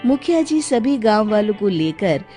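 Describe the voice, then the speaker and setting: Female narrator, animated intonation, scripted storytelling, faint background music. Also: medium pitch, normal speed.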